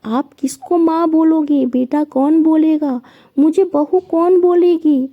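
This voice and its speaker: A woman's voice: high voice, fairly even intonation, takes it slowly, phone-quality sound. A woman voicing a caring young wife, with earnest, reassuring lines.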